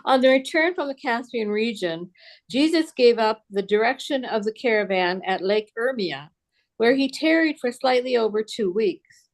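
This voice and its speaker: A woman's voice: on the high side, expressive, moderate pace. A woman reading a passage aloud to a study group, careful and unsure of some names.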